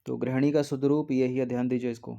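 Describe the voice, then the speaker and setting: A man's voice: mid-range voice, level tone, fast, vocal fry, warm tone, muffled recording. A man teaching exam preparation, going through test answers one by one in a patient way and often checking in with "okay". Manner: patient, repeats "theek hai" often.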